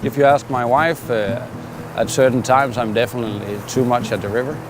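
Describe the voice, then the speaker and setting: A middle-aged man from Denmark, a fishing guide, talking candidly and relaxed in a documentary interview with frequent "uh"s and restarts. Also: mid-range voice, fairly quick. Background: music.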